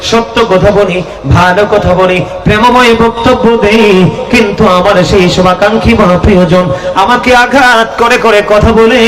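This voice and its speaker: A man delivers a rhythmic, impassioned sermon in a high voice. He keeps calling out to the crowd to answer him. The sound rings with the echo of a large room. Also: fairly bright tone. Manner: calls out to the audience for responses; rhythmic, impassioned preaching with regional dialect asides. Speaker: preacher. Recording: echoey hall sound.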